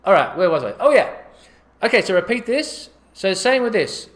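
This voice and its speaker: Higher-voiced man teaching a gua sha routine. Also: sing-song, normal speed, a bit bright. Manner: easygoing, counts strokes aloud as he demonstrates. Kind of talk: casual demonstration tutorial.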